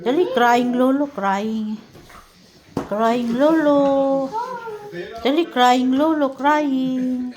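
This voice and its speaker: A woman's voice: sits high, very slow, long pauses, a crowd in the background. A woman filming a toddler at home, coaxing the child in a playful sing-song way. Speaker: family member filming a toddler. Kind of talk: casual home video.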